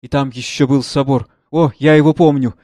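A man's voice: mid-range voice, fairly even intonation, normal speed, dark tone, no room sound, natural voice. A man reading a play aloud, voicing an anxious wife and mother who speaks in a pleading way. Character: wife and mother, anxious, strangely distracted woman.

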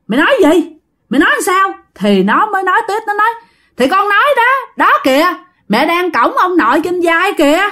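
A woman with a Southern Vietnamese accent who narrates a ghost story in a chatty way and often talks straight to her listeners. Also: mid-range voice. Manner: chatty, addresses listeners directly.

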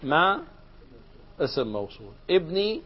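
Heard on a dull, lo-fi lecture recording, this male grammar teacher, a sheikh instructing in Arabic, has a slightly high voice with big swings in pitch and a breathy edge. He talks a little slowly, quizzing his class and supplying the answers himself while alternating between formal and colloquial language.

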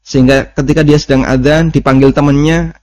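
A man teaching a religious study lesson, explaining rulings in a calm, conversational way and often checking in with listeners. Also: on the high side, fairly quick, no echo. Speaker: Islamic teacher. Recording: dull lo-fi recording.

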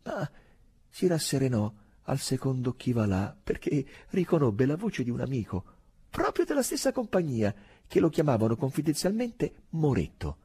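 A man reading a novel aloud as an expressive, dramatic audiobook narration. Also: medium pitch, normal speed, husky. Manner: expressive, wide-ranging delivery. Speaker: audiobook reader.

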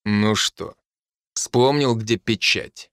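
A man's voice: a bit bright, smooth, no echo, studio quality, full character voice. A man playing a cold, menacing swordsman. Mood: interrogating. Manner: slow, low and menacing. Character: cold, ruthless young fighter, menacing.

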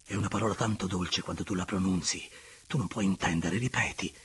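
A man voicing a feverish, brooding young male lover with a low, hushed, intense delivery in a literary audiobook. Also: fairly quick, husky, full character voice.

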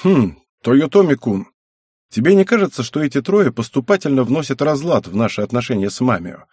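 A man's voice: medium pitch, animated, fairly quick, a little mellow, slightly rough, dry recording, studio quality, voice pushed up. A man voicing a sly, talkative teenage boy who schemes. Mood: scheming.

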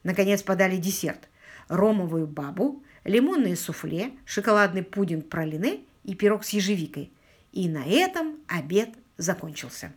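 Brief: woman narrator, mid-pitched, very animated storytelling. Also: moderate pace, slightly rough. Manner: expressive storytelling. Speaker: audiobook narrator. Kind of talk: scripted narration.

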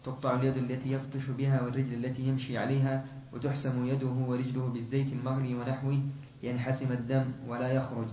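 A man's voice: medium pitch, completely flat delivery, roomy sound, dull audio, a little hiss or hum. A man, a student in a lesson, reading a classical legal text aloud and restarting on words now and then. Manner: quick recitation with restarts on words.

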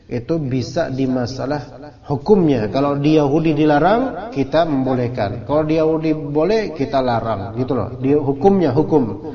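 A man teaching an Islamic book study in a casual, joking, colloquial way. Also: on the high side. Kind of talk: kitab study lecture. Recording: muffled hall recording with audience.

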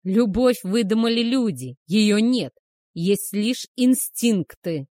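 A woman voicing a cruel, brooding male werewolf hunter who speaks harshly and loudly. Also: lowish voice, animated, measured pace, no echo, studio quality. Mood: menacing. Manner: harsh, menacing, loud.

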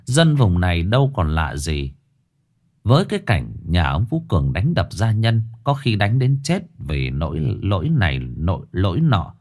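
A man narrating a ghost story in a dramatic, expressive way. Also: deep voice, moderate pace.

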